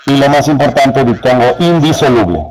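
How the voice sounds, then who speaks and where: A man teaching a spelling lesson to teachers, explaining slowly and speaking to them directly. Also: mid-range voice, lively intonation, noisy background. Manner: slow, deliberate, addresses teachers directly. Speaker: teacher trainer.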